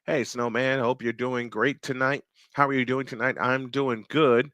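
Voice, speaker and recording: A man in his fifties calling a football game live play-by-play, slightly hoarse, reading viewer chat between plays and getting excited on big runs. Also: mid-range voice, normal speed, dry recording. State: slightly hoarse, clearing throat. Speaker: play-by-play announcer.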